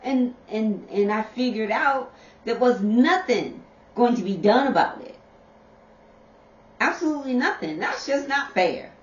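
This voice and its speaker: Middle-aged woman vlogger, unhurried chatty delivery, roomy dull sound from a distant camera. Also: a little high, expressive. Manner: slow, repetitive, chatty, addresses viewers as y'all. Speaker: vlogger, mother. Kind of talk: casual direct-to-camera talk.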